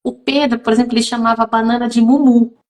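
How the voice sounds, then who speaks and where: A woman with a somewhat high voice speaks as a guest teacher in a live stream. She talks emphatically and addresses her viewers directly, with many fillers and restarts. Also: flat delivery, rapid-fire. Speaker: mother.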